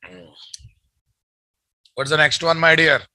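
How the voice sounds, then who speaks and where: Slow, bright-voiced Telugu-accented male instructor. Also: a little high, little pitch movement, no echo. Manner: repeats phrases, often checks in with listeners. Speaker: programming instructor. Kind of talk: live online coding lesson, dictating code.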